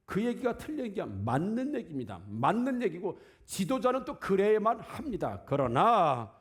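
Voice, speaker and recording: A man's voice: sits high, very animated, normal speed. A man preaching a sermon in a church, speaking conversationally and firing rhetorical questions at the congregation. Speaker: pastor. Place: church sanctuary.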